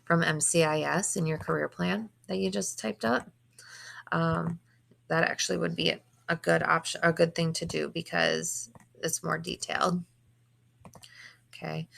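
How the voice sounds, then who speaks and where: A young woman teacher, hoarse today, talking quickly and casually through a step-by-step computer tutorial for her students. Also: low voice, pushed and bright, a little hiss or hum. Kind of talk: screen-recorded classroom tutorial.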